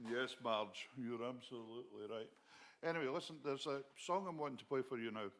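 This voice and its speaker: A man's voice: medium pitch, moderate pace, a bit bright. A man with a Shetland Scottish accent, chatting casually to online viewers as host of a music session.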